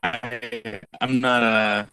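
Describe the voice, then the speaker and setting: A man's voice: on the low side, level tone, extremely slow, sharp tone, smooth, no echo. A man chairing a public meeting over a video call, his voice scratchy and cutting in and out through his computer microphone. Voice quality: scratchy, breaking-up voice. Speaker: commission member chairing the meeting. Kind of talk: casual meeting talk.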